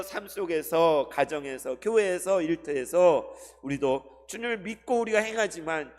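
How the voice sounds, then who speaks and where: A male pastor giving a Sunday sermon, asking the congregation questions and swinging between loud and hushed delivery. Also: sits high. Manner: addresses the congregation with rhetorical questions; dramatic shifts between loud and soft delivery. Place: church sanctuary. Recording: long hall reverb.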